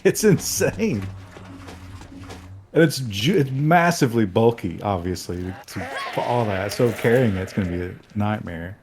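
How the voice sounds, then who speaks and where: A man's voice: lowish voice, animated, measured pace, music in the background. A man giving casual, chatty gameplay commentary on a live stream, explaining things as he plays. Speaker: game streamer.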